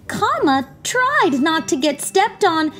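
In a small indoor room, a woman hosting a children's read-aloud narrates a picture book in a high, slightly bright voice. She reads slowly and deliberately, her pitch swinging widely and theatrically for expressive effect, while faint music plays in the background.

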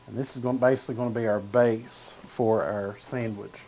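In a home-style indoor studio kitchen, a man in his thirties hosts a cooking show, demonstrating a recipe in an easygoing way as he stirs and slices, saying "uh" and "gonna" often. His voice is lowish and dark, fairly quick, with fairly even intonation and slight background noise.

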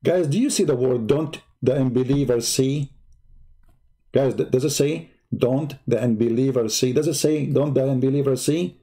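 A debate host whose first language is Arabic delivers heated live-stream commentary in a combative, mocking way, asking the same rhetorical questions again and again. His mid-range voice has a dark tone and moves at a moderate pace.

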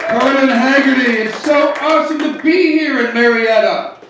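A man from the Pittsburgh area doing a stand-up comedy set in a hotel comedy club, delivering deadpan punchlines with quick asides. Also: extremely high pitch, a loud crowd, heavy background noise. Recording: echoey club heard from far off.

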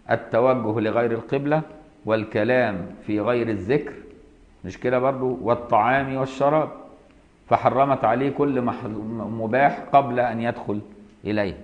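An Egyptian man gives a lesson on a classical legal text, moving between formal reading and casual colloquial explanation. His voice sits at a middle pitch, and the recording is a little dull and muffled. He often stops to ask whether his listeners have understood. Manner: reads a line then explains it in colloquial speech, often checking understanding. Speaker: Islamic law teacher.

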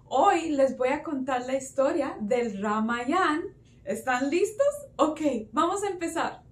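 Slow, expressive woman storyteller for kids. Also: high-pitched. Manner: expressive, animated, addresses listeners. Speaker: children's storyteller. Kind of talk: storytelling for children. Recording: roomy echo, distant mic.

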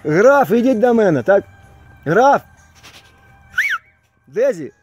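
A man's voice: a little high, expressive, moderate pace, a little mellow, lo-fi sound, soft background music. A man with a Ukrainian accent giving casual, teasing home-video commentary, repeating himself, drawling exclamations and tacking on questions. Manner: repetitive, drawling exclamations with frequent tag questions. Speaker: man filming and commenting on a backyard gathering. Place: outdoors in a grassy backyard. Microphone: handheld phone camera, behind it.

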